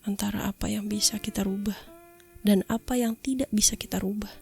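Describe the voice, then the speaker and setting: Woman, whispered ASMR pep talk, breathy, evenly pitched, soft guitar music behind. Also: fairly even intonation, a little fast. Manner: addresses the listener directly. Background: soft plucked guitar music.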